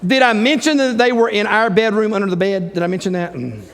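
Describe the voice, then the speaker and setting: A man's voice: high-pitched, fast, a faint crowd. A middle-aged man, a pastor preaching a sermon and acting out the dialogue of his stories. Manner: animated storytelling preacher, acts out quoted dialogue. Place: church sanctuary. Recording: church live stream with long hall reverb.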